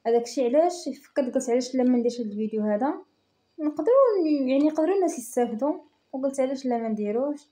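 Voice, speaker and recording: A woman's voice: sits high, lively intonation, racing, dark tone. A young woman with a Moroccan Arabic accent, giving earnest personal advice in a vlog and repeating phrases for emphasis. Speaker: vlogger.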